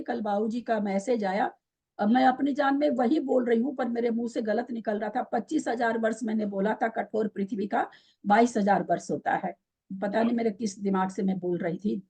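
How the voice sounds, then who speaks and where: A woman's voice: on the high side, warm tone, breathy edge. A woman teaching a scripture class online, questioning her students and patiently explaining by repeating the key terms.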